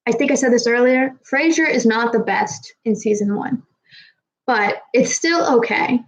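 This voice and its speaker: Speaking at a moderate pace in a slightly high voice, a young Kazakh streamer chats casually with her live audience. She's a little tipsy, rambles, swears without restraint and has trouble with her R's, all on lo-fi sound.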